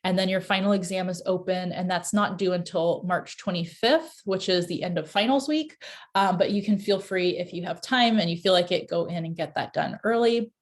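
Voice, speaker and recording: A woman's voice: on the low side, normal speed. A woman teaching a dental course in an online class session over a video call, talking casually with many fillers and restarts.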